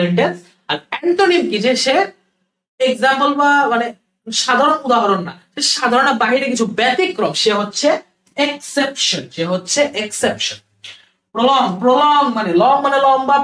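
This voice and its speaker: A man's voice: sits high, fairly bright tone. A young man giving a classroom lecture on word meanings, explaining step by step and often repeating key words. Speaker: English vocabulary teacher. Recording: roomy echo, voice from a distance.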